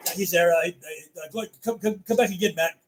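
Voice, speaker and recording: Halting, higher-voiced man running radio net. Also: a little hiss or hum. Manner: halting, repeats words as he goes. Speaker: amateur radio net controller. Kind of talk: casual radio chat.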